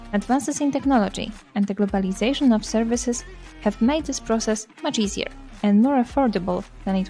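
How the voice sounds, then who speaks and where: A woman reading a scripted introduction in a smooth, even delivery. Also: a little high. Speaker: intro narrator. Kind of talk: scripted narration.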